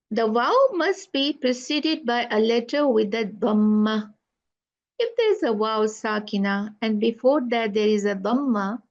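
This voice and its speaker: Brief: female tajweed teacher, higher voice with gravelly fry, dull lo-fi recording. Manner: slow, repeats sounds to demonstrate pronunciation. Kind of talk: online lesson.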